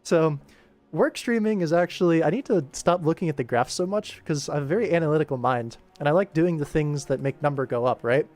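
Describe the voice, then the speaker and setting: Soft music sits behind this young man's fairly high, slightly mellow voice as he talks fairly quickly. He's hosting a live work stream, rambling casually about the animation he's doing.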